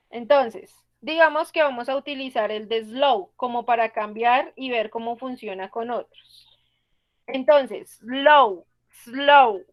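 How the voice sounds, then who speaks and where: A woman's voice: high voice, highs cut off. A woman teaching an online English class, patiently explaining grammar rules step by step and asking the students questions.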